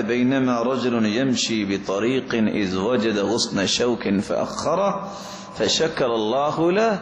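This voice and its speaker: A man's voice: mid-range voice, echoey room, a little hiss or hum. A man delivering a sermon, speaking with impassioned, rising emphasis and slipping into chanted Arabic quotations. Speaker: preacher.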